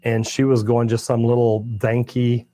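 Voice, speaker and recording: His voice is mid-range and dark, with little pitch movement and a normal speed, recorded without echo. He's an older master plumber from Texas, hosting a casual livestream and answering chat in a folksy, plainspoken, drawling storyteller's manner. The setting is a studio with shelves of tools and merch, and he uses a clip-on lapel mic.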